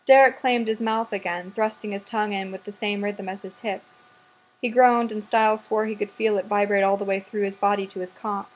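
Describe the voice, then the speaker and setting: A woman reads audiobook fiction in a soft, measured way. Her middle-pitched voice often sinks quieter at the ends of phrases. She keeps an even, steady read. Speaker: audiobook narrator. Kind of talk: scripted narration.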